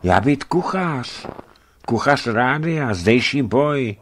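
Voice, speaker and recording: A man voicing a frightened camp cook who speaks in broken, halting phrases, as part of a read-aloud travel story. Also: mid-range voice, lively intonation, a little hiss or hum, voice pushed up, lightly acted.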